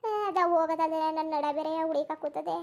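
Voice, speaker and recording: Girija, shrill bitter old mother-in-law. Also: level tone, a little fast, vocal fry, a little mellow. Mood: moaning, self-pitying. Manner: wailing, moaning and cursing under her breath. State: in pain with a hurt back. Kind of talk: cartoon voice acting.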